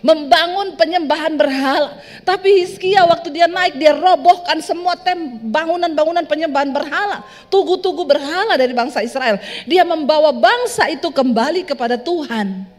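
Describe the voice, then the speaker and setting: A woman pastor preaching a sermon in a lively, joking way, speaking straight to her congregation. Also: sits high, moderate pace. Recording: reverberant hall with soft music.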